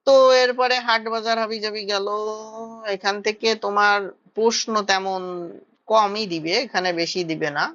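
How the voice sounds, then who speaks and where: A woman's voice: mid-range voice, steady tone, moderate pace, fairly bright tone, muffled recording. A woman teaching a grammar lesson for exam preparation, explaining step by step and checking that students follow.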